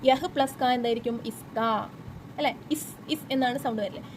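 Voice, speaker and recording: A young woman teacher's voice, on the high side and steady in tone, comes through a noisy background with a Malayali accent. Preparing students for exams, she explains questions step by step, supplies her own answers, and reads the textbook slowly and deliberately.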